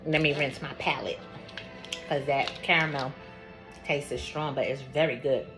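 Speaking over music, this Georgia-born woman hosts a relaxed cooking vlog, chatting away and tasting dishes with her mouth full. Her pitch is extremely low and her tone steady at normal speed, with background noise clearly audible.

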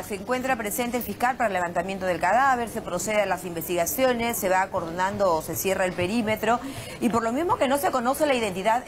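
A woman's voice: medium pitch, background noise. A woman from Peru presenting the news in a TV studio, formal and composed. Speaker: news anchor.

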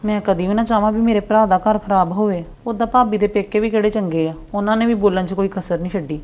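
A woman playing a gentle young sister who speaks softly and pleadingly to her family. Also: medium pitch, steady tone, fast, lightly acted. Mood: worried. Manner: soft, pleading.

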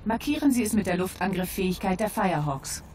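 An actress playing a composed battlefield computer announcer in a video game, measured and formal. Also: female voice, medium pitch, expressive, a little mellow, close to an everyday voice. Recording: game battle noise behind.

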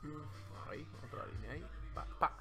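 A man with a fairly high voice, moderate pace and some vocal fry speaks in a Dominican Spanish accent with music in the background. He's drawing live on a stream from home, rambling and joking into his desk microphone.

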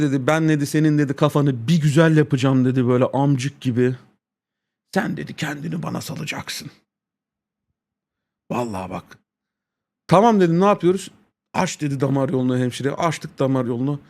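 A man's voice: mid-range voice, brisk, darkish tone. A man streaming, telling a crude, profane story in casual chat, laughing often and quoting people with repeated "he said".

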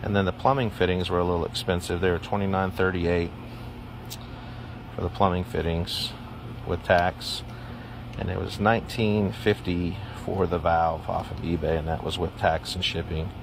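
A deep-voiced man talks through a home project in a relaxed, plain-spoken way, pausing on fillers now and then. He is recorded outdoors on a handheld phone, with noticeable noise behind him. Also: creaky. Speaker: DIY vlogger. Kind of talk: casual how-to explanation. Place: outdoors in a yard.

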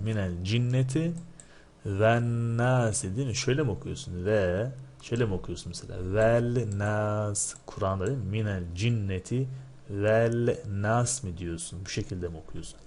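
A male teacher with a somewhat low voice goes over exam answers in a recorded lesson. He explains each point step by step, often stopping to ask rhetorical questions. Faint noise sits under his voice. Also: brisk, darkish tone. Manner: recites word forms in a drilled, chanting rhythm.

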